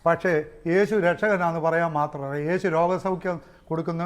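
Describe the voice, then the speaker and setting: A man preaching a fiery sermon, swinging loud shouts to low asides with praise exclamations. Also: fairly even intonation, normal speed. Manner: swings between shouting and near-muttered asides, with tongues and exclamations. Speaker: pastor. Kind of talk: Pentecostal sermon.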